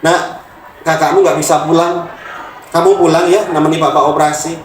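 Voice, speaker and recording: A man's voice: a little high, fairly even intonation, fairly quick, background noise, close to an everyday voice. A man voicing an older father with cancer who pleads plainly with his absent children, heard in a roomy room from a distant mic. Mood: pleading. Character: elderly male cancer patient, weary, heartbroken father.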